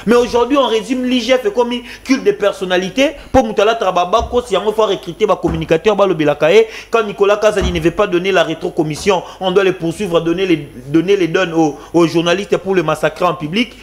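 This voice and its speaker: A man's voice: high-pitched, quick pace, few pauses. A Congolese man giving an impassioned political talk, fiery and repetitive, switching between French and Lingala. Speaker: guest commentator.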